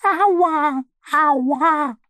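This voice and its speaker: A man voicing a little female duck in a storybook, timid and careful, with a high squeaky pleading voice. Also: big pitch swings, takes it slowly, gravelly, fairly bright tone, no echo, studio quality, exaggerated voice. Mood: whimpering.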